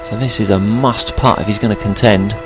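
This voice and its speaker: A man's voice: lowish voice, steady tone, brisk, music in the background. A man giving golf commentary, analysing each shot as it is played.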